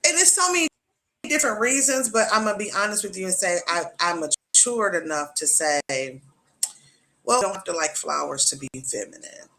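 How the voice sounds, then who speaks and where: Speaking a little fast and with animation, this middle-aged talk show host has a medium-pitched, pushed, bright voice. Her casual chat is earnest and repetitive, and she keeps asking the listener "you know what I'm saying." The recording is rough.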